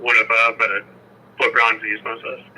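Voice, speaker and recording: Male officer heard over a walkie-talkie, quick, flat, bright-toned, terse radio code. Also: mid-range voice, low-quality recording. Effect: over a police walkie-talkie radio. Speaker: police officer. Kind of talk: terse radio call-ins.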